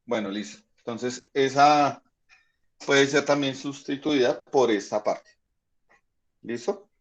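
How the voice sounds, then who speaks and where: A man teaching a high school physics class online, patiently explaining and checking in with the students often. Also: slow, muffled recording.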